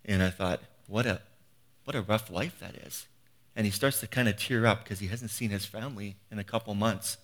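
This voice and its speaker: Man, fifties, lowish voice, earnest preacher, conversational sermon, rhetorical questions. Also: normal speed, a bit bright.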